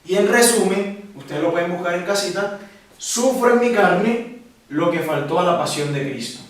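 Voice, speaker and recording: A man from Ecuador teaching a catechism lesson to young people, lively and asking questions that he answers himself. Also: sits high, moderate pace. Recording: echoey room, voice from a distance.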